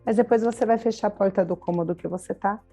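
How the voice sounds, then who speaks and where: A woman's voice: medium pitch, quick pace, mellow, husky, soft background music. A woman in her thirties with a Brazilian Portuguese accent, co-hosting a podcast in casual chat, explaining with everyday examples and frequent tag questions. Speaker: podcast co-host.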